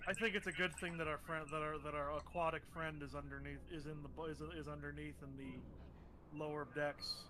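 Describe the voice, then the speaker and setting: A man's voice: fairly high pitch, level tone, brisk, background noise. A man playing a tabletop game with friends, chatting casually and thinking aloud. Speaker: player. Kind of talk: casual chat and in-character play.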